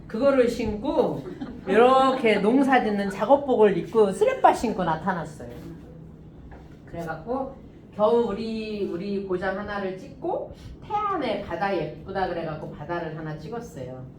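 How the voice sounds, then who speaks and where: A middle-aged woman professor, giving a humorous lecture and joking with a lively, laughing delivery. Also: medium pitch, normal speed, a little hiss or hum. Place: lecture hall. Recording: roomy hall, mic from a distance.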